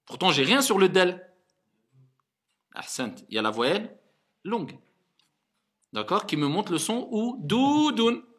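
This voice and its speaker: A male imam leads a reading class with a bright, fairly high voice. He coaxes his students along and repeats each sound so they can echo it back. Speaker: imam teaching Arabic reading. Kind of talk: classroom lesson.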